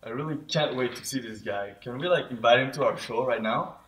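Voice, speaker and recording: A man's voice: mid-range voice, fairly quick, fairly bright tone, distant mic. Young male co-host, chatty, echoey room. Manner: upbeat, chatty. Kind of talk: casual talk show hosting.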